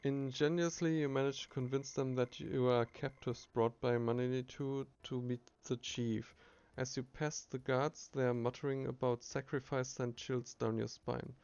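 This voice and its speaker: A game streamer reads his game's story text aloud as he plays, with frequent fillers and restarts. His medium-pitched male voice is flat, a little mellow, clear and resonant, moving at a normal speed with few pauses. The recording is dry, dull and lo-fi.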